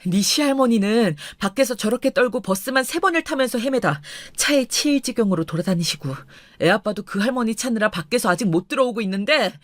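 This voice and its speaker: A woman voicing an angry young husband who speaks in a lowered, firm, cold tone. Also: expressive, a little fast, dry recording, natural voice. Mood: stern anger.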